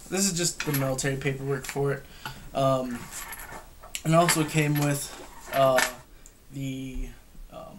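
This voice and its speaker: A young man giving a casual, unscripted gear review at home, hesitant and matter-of-fact, picked up by a camera across a table. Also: medium pitch. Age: young adult. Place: room at home, indoors. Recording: clearly noisy home recording with clicks.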